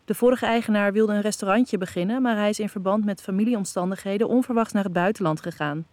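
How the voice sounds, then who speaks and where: A woman's voice: mid-range voice, fast, a little mellow, no echo, natural voice. A woman reading a teasing young man. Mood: matter-of-fact.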